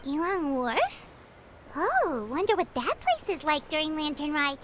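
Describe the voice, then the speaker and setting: Paimon, a squeaky chirpy fairy companion. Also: female voice, very animated, a little slow, very noisy. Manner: talks about herself in third person, bubbly. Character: tiny chirpy female fairy-like travel companion. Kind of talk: video game voice acting. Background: game music.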